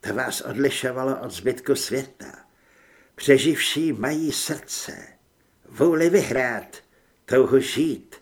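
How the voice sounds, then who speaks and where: A man's voice: medium pitch, slightly rough, natural voice. A man voicing a stern male leader giving a rousing speech to new recruits in an audiobook.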